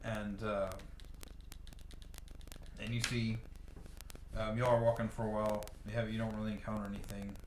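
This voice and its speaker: Male game master, easygoing narration, roomy recording with faint noise. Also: fairly low pitch. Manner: relaxed, halting with fillers.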